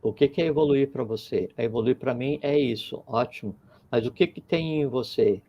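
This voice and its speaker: A man's voice: mid-range voice, normal speed, mellow. A man talking reflectively in a conversation, circling his points with repeated phrases and little parables. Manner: digressive, repeats phrases, tells parables with acted quotes.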